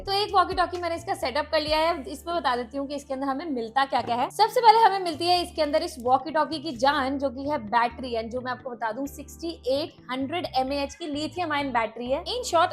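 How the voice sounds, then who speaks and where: A high-pitched woman with an Indian accent gives a casual product review. She explains things step by step and mixes English words into her speech.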